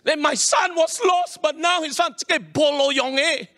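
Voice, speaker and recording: High-voiced Singaporean man preaching in Singlish. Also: moderate pace, bright, forceful tone, no room sound. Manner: colloquial Singlish with particles like leh, eh and huh; emphatic, repeats phrases and seeks audience response. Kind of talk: sermon with personal anecdotes to a congregation.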